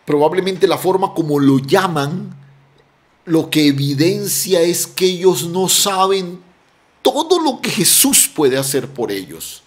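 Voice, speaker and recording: Slow-preaching man pastor with a higher voice. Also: very animated. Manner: emphatic preaching, dropping soft on key words and repeating phrases. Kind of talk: sermon.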